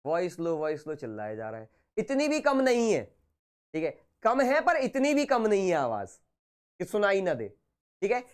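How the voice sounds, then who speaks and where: A man with a sore, hoarse throat teaching physics in a casual, chatty live online class. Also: sits high, wildly swooping pitch, normal speed. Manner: casual, chatty, talks to students informally.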